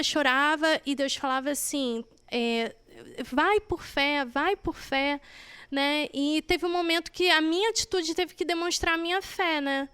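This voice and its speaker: A woman gives a personal testimony to a church group. Her voice sits high, and she tells her story by acting out the back-and-forth conversations. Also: a bit bright. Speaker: church member giving testimony.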